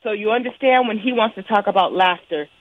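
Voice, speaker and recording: A woman's voice: medium pitch, fairly quick. Woman caller over a phone line: blunt, frank, fed up, with a thin, tinny sound. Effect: heard over a speakerphone line. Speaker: caller, nurse at a pediatrician's office.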